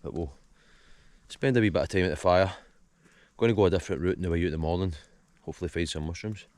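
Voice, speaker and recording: Man, Scottish accent, lowish voice, laid-back chat, tired, outdoor camp. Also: quick pace, a little mellow, dry recording. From Scotland. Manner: chatty, laid-back, breaks into banter. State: tired after a hard hike. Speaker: outdoor vlogger. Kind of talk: casual outdoor vlog chat. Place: outdoors by a campfire on a wooded shore.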